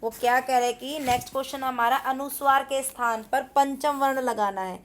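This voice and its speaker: A woman's voice: sits high, fairly even intonation, fairly quick, noisy background. A woman teacher patiently explaining a school grammar exercise, repeating points and asking her pupils questions.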